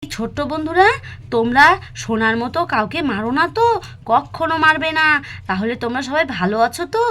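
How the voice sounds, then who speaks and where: A woman's voice: fairly high pitch, lively intonation, a little fast, fairly bright tone. A woman narrating a doll story for children, motherly and scolding, with a Bengali accent. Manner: scolding, motherly, voices all the grown-ups.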